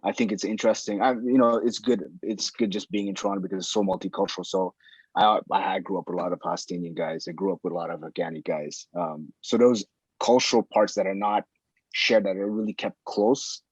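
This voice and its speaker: Husky low-voiced man, casual and searching, circles his own phrases; dull lo-fi sound. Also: fairly even intonation, a little fast, dry recording. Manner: thinking aloud, circling back on phrases. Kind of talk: casual conversation.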